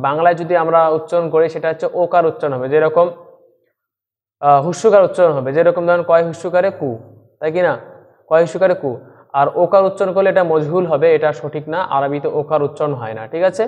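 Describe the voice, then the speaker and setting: Guy running a quran reading class over screen share, kinda high voice, keeps asking "right?" as he explains. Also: darkish tone, big-room sound, lo-fi sound. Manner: explains step by step with frequent check-in questions; sounds out syllables slowly and drawn out. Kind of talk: online Quran reading lesson. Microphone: screen-share recording with voice-over.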